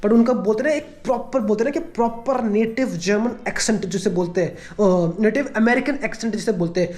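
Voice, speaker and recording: A man's voice: high voice, fairly quick, a little mellow. A man from India chatting casually in a home vlog, rambling and leaning on a habitual filler phrase. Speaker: vlogger.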